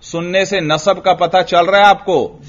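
A man teaching an Arabic grammar lesson, asking his students questions, answering them himself, and drawing out the example words slowly. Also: sits high, fairly even intonation, a little hiss or hum. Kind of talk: classroom lesson. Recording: dull lo-fi recording.

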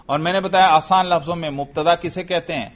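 A male teacher drilling a student on grammar, asking short questions, repeating the answers and praising briskly. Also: on the high side, fairly even intonation. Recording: muffled lo-fi recording.

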